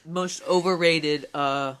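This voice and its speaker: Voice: mid-range voice, fairly even intonation, slow pace, fairly bright tone, smooth. A podcast co-host in casual chat, hesitant and full of fillers, slipping in jokes. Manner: hesitant, filler-heavy, jokey.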